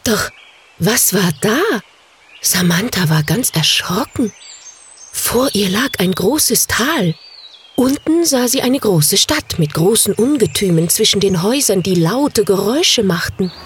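A woman narrating a fairy tale aloud in a slow, gentle reading voice. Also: mid-range voice, lively intonation, slight background noise. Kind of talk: storybook narration.

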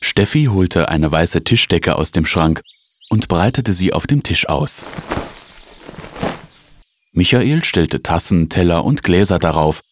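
A man narrating a children's story aloud in a calm, even storytelling voice. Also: sits low, slow, long pauses, a little hiss or hum.

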